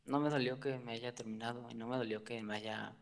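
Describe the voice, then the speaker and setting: A man's voice: mid-range voice, steady tone, fairly quick, vocal fry. A man who is a guest on a talk show, speaking about his feelings hesitantly, with many fillers and nervous laughs. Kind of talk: conversational personal talk. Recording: long reverb.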